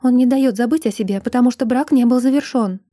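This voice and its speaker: A woman's voice: on the high side, quick pace, mellow, no room sound, clean studio sound, close to an everyday voice. A woman voicing a frightened young bride. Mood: anxious, pleading. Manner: pleading, anxious, a little breathless. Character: frightened sixteen-year-old bride, tense and pleading. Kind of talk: audiobook character reading.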